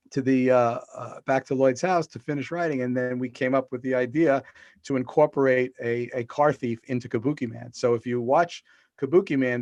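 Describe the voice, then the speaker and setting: This middle-aged author, interviewed as a podcast guest by video call, rambles through lengthy stories, restarting and using fillers. His mid-range voice has a darkish tone, and the audio is muffled with no echo.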